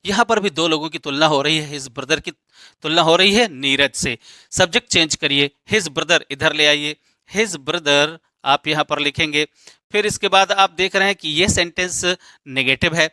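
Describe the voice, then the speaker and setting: A man's voice: fairly high pitch, normal speed, pushed and bright, dry recording. A man teaching an English grammar lesson, explaining step by step and posing questions that he answers himself.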